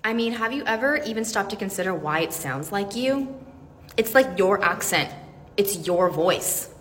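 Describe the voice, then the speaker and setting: A woman's voice: medium pitch, animated, moderate pace. A woman giving an earnest, emphatic motivational talk in a casual way, now and then swearing for emphasis. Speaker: self-help speaker. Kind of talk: motivational monologue to camera. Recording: long reverb, faint background hiss.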